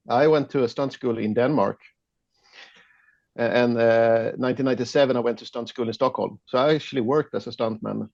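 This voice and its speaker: A Swedish man with a gravelly, creaky voice and a Swedish accent, speaking English as a second language as an interview guest. He talks haltingly and laughs often. The sound is dull and lo-fi, like a remote call. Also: mid-range voice, darkish tone, dry recording. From Sweden. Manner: hesitant, many fillers and restarts, laughs often. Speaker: guest photographer. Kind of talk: casual interview chat.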